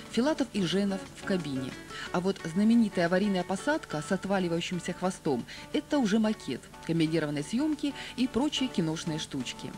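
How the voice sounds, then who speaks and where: Young woman doing tv documentary voiceover, lively and polished, medium pitch. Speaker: TV presenter. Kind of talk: scripted documentary narration.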